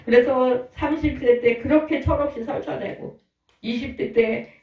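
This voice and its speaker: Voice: high voice, steady tone, unhurried, phone-quality sound. A pastor in their sixties giving a conversational sermon, often asking the congregation questions. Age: 60s. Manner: folksy, asks the congregation questions. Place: church sanctuary. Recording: roomy echo, voice from far off.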